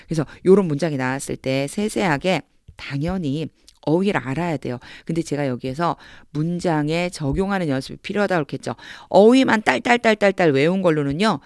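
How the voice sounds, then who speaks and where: A woman tutor giving a Bible-based English reading lesson. She explains patiently, reads English phrases slowly with stress, and acts out quoted lines with lively emphasis. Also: low voice, dry recording, studio quality.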